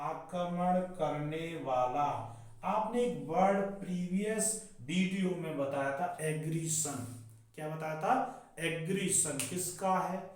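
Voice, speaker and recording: A man teaching vocabulary, switching between Hindi and English, spelling words out letter by letter and asking questions that he answers himself. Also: on the high side. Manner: asks the class questions and answers them himself. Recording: very echoey room, voice distant from the mic.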